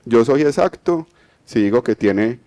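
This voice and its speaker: A Colombian man with a Medellín accent gives an explanatory conference talk, checking in with the audience as he goes and using tag questions. His voice is medium in pitch and dark in tone, with lively intonation and a measured pace. He explains things with many fillers and restarts.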